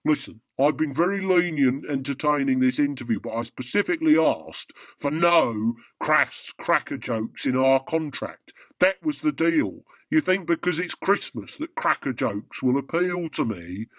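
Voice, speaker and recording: A man's voice: a little high, animated, measured pace, few pauses, a bit bright, no room sound. A man playing a grumpy, self-important old Santa Claus in a radio drama, pompous and easily offended. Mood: indignant.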